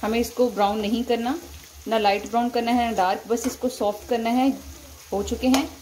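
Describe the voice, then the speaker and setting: A woman and mother giving a calm, step-by-step home cooking demonstration at her kitchen stove, talking to her viewers as she cooks. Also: on the high side, moderate pace, a crowd in the background. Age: adult, mother of a young son. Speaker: cooking vlogger. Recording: frying sizzle behind the voice. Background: frying and stirring in a wok.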